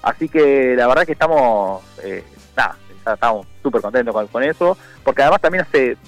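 A man, a murga member chatting as a guest, relaxed and rambling with many fillers and restarts. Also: medium pitch, fairly quick, no room sound, faint music behind, rough recording. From Argentina. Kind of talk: casual phone interview.

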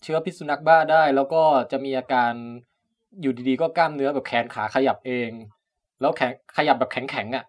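A man's voice: mid-range voice, steady tone, a little fast. A man hosting a casual science podcast, explaining at length and laughing often. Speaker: podcast host, biologist.

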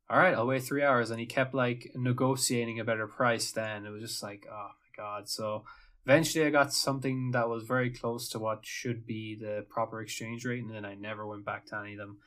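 A man's voice: fairly low pitch, a bit bright. A man hosting a solo podcast, talking casually in a rambling way, full of fillers and tangents. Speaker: podcast host.

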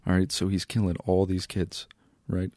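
A man co-hosting a podcast in casual comedic chat, joking and laughing as he pitches absurd ideas. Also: monotone, moderate pace, warm tone, dry recording, studio quality. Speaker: podcast co-host.

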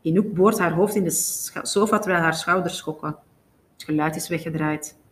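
A woman reads a novel aloud in a steady, even narrating voice. Her pitch sits on the low side for a woman, and she keeps an unhurried storyteller's line throughout. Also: slight background noise. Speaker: audiobook reader.

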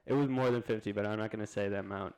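A young man co-hosting a podcast, telling a funny family story in a relaxed, laughing way. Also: lowish voice, racing. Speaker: podcast co-host. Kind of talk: casual chat.

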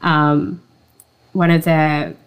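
Lower-pitched woman chatting candidly. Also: little pitch movement, extremely slow, smooth. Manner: informal, conversational, peppered with "like" and "you know". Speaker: interview guest. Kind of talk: candid personal storytelling, casual chat.

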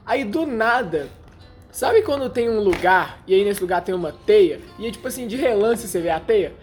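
A man's voice: sits high, lively intonation, normal speed, faint music behind. A young man, telling a story in casual slang, laughing now and then. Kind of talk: casual chat.

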